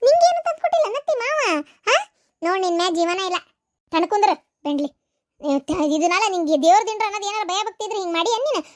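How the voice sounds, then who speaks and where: A woman's voice: very high voice, animated, fast talker. A woman voicing a short-tempered village mother-in-law in a cartoon, scolding and cursing in a North Karnataka accent. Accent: North Karnataka Kannada. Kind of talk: cartoon voice acting.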